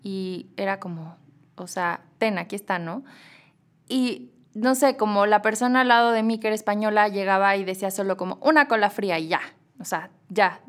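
A young adult woman with a Mexican Spanish accent, a clinical psychologist hosting a casual podcast monologue, chatty and animated, acting out quoted dialogue with a raised voice. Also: medium pitch, moderate pace.

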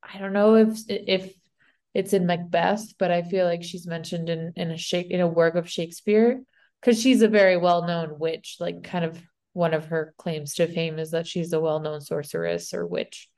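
A woman's voice: fairly low pitch, steady tone, normal speed, darkish tone. Rambling woman with a Spanish accent. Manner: rambling, unsure, lots of "like" and restarts. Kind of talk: casual chat retelling a myth.

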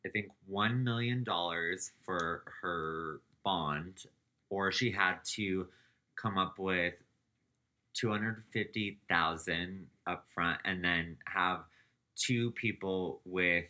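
A podcast co-host with a low, bright, forceful voice shares celebrity gossip at a slow pace in casual chat. He laughs as he tells it and trails off with "um" along the way.

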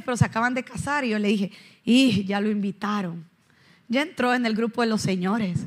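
Woman pastor, thirties, lively storytelling sermon, high voice, engages congregation. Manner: animated storytelling with questions to the congregation. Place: church.

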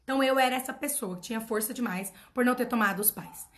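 Woman, high pitch, mentor, motivational talk to followers, repetitive and emphatic. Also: fast talker. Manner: emphatic, repetitive, full of rhetorical questions. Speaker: personal development mentor.

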